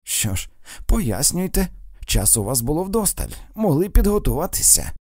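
A man's voice: a little high, big pitch swings, moderate pace, a little mellow, no room sound, studio quality, pitched above the performer's own voice. Overbearing young woman, raised voice, mocking, as a male narrator puts her on. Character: domineering sharp-tongued young woman.

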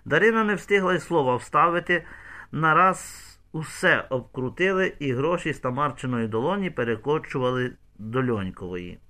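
A man narrating an audiobook in an expressive storytelling manner. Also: fairly high pitch, normal speed. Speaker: audiobook reader. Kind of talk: scripted narration.

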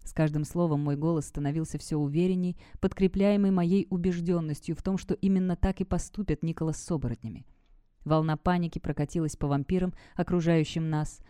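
A woman's voice: sits low, steady tone, brisk, dark tone, clear, resonant tone, no room sound, studio quality. Woman narrating a dramatic audiobook. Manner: dramatic first-person reading.

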